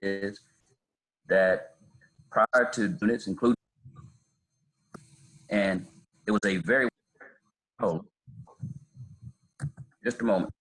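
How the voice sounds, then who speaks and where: Read this as a man, a police chief, answering forum questions over a video call whose audio keeps breaking up, so your phrases come through halting and fragmented. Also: fairly low pitch, steady tone, fairly bright tone, breathy edge, rough recording. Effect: choppy, cutting-out video call audio.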